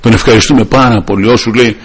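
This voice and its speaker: A man's voice: medium pitch, steady tone, slightly rough, rough recording. A man preaching a sermon. He speaks fervently, calls his listeners brothers and breaks in often with short cries of praise. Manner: fervent, punctuates with repeated praise exclamations.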